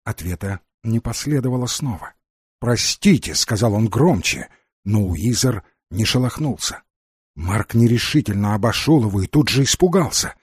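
Husky-voiced male audiobook narrator. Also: on the low side, animated, moderate pace, no echo, clean studio sound. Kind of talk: scripted narration.

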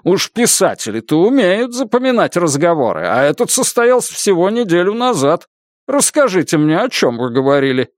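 A man voicing a pushy male lawyer who presses with sharp, needling questions. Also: high-pitched, sing-song, moderate pace, dry recording, studio quality, pitched above the performer's own voice.

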